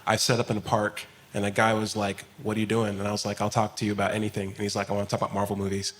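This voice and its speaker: Give me a man with a bright voice telling lively stories on a panel. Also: on the low side, rapid-fire. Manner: animated, laughs while telling stories.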